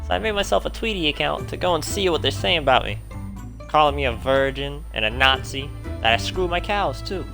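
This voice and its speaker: A wounded, bitter farmer of middle age pours out his grievances in a loud, rising voice, as a man voices him for a game. His pitch climbs well above the performer's own, and his pleading turns exasperated. A gravelly edge runs under it, with faint music behind. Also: lively intonation, brisk. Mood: bitter, aggrieved. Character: aggrieved middle-aged male farmer, bitter and hurt.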